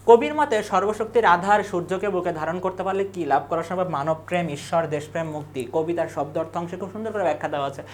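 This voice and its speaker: A young adult tutor gives an exam revision lesson. The tutor asks quiz questions and answers them in quick lists. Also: mid-range voice, a little hiss or hum.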